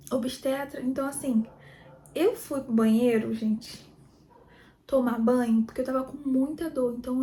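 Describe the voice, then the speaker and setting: A young woman from Brazil telling her own story in a chatty, animated vlog, often calling out to her viewers. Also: high voice. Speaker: vlogger. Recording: echoey room.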